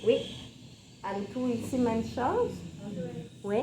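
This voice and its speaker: Woman, teacher, classroom lesson, simple step-by-step phrasing, slightly high voice, distant echoey room. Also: sing-song, noisy background. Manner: slow, simple phrasing with demonstrations for learners.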